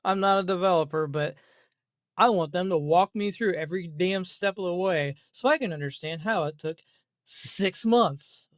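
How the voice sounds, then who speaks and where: A man's voice: high-pitched, normal speed, no room sound, clean studio sound. A man delivering an unscripted, exasperated gaming rant, grumbling and swearing, with emphatic repetition and rhetorical questions. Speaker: gaming commentator. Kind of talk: unscripted rant about a video game.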